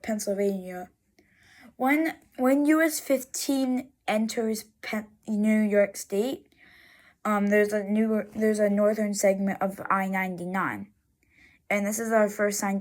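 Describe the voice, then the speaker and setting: A woman's voice: medium pitch, a little mellow. A woman casually narrating over road photos, rambling with many restarts and fillers and breaking into exasperated outbursts. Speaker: road enthusiast vlogger.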